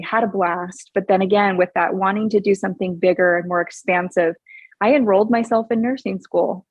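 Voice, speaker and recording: A woman's voice: mid-range voice, no room sound, lo-fi sound. Earnest upbeat woman, dry close sound. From Hawaii. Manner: earnest and upbeat, warm with frequent laughs. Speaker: podcast guest. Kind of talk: casual interview chat.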